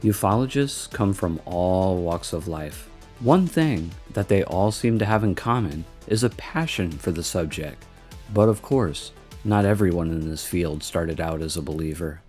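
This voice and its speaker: A man reading scripted documentary narration in a measured, even delivery. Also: deep voice. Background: faint music.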